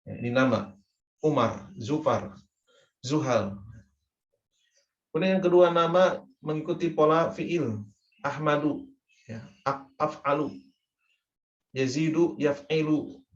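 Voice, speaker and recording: A man's voice: a little high, animated, takes it slowly, pauses often, reverberant, highs cut off. A man with an Indonesian accent teaching Arabic grammar in a recorded lesson, patiently repeating each word ending aloud.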